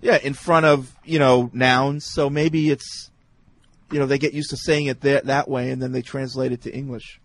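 A man hosting a casual talk radio show, reading out listener messages and thinking through examples out loud. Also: medium pitch, level tone, a little hiss or hum. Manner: thinks aloud, slows down to spell out examples.

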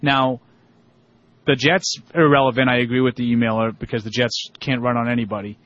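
A man's voice: mid-range voice, little pitch movement, brisk, fairly bright tone, no echo. A man with a Boston accent co-hosting a sports radio show, debating casually and repeating words as he argues his point. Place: radio studio. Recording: muffled, dull lo-fi audio.

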